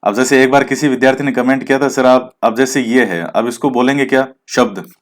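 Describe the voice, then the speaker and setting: A man's voice: mid-range voice, steady tone, quick pace. Man teaching a lesson, asking and answering. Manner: explains, then quizzes with questions he answers himself; mixes English words into Hindi. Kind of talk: exam-prep lecture.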